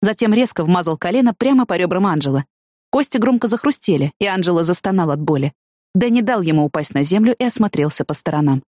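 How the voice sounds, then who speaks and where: Expressive woman audiobook narrator. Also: on the low side, fast talker, no room sound, studio quality. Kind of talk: first-person audiobook narration.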